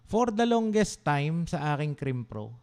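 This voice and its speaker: A young man from the Philippines, a law school vlogger, telling a story to his livestream viewers in an animated, dramatic way and asking them to reply. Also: a little high, unhurried. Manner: asks viewers to respond.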